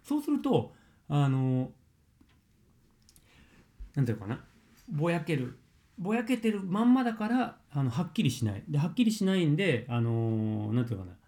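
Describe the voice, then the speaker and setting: A man's voice: a little high, big pitch swings, moderate pace, pauses often, dark tone. A man explaining singing technique as a voice coach, in a chatty, loose way with frequent fillers and self-corrections. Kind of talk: casual spoken lesson.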